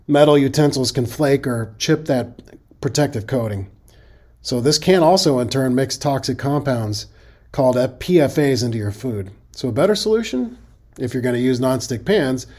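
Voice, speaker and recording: A man's voice: mid-range voice, normal speed, a little mellow. A middle-aged man with a Midwestern accent, hosting a safety podcast in a folksy, conversational monologue that now and then corrects itself.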